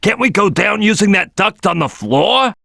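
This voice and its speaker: Vector the Crocodile, gravelly, high-pitched cartoon croc. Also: male voice, lively intonation, moderate pace, no room sound, studio quality, exaggerated voice. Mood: assessing, directing. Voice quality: gravelly, raspy, forceful. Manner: loud, bossy, exclamatory, barking orders to his crew. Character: brash, bossy cartoon crocodile detective leader, gruff and eager. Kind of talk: animated video game voice acting.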